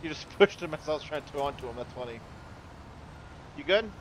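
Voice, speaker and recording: A man's voice: a little high, expressive, brisk, slight background noise. A man playing a driving game with friends, teasing his buddy in running commentary. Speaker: co-op gaming friend. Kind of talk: casual gaming chat.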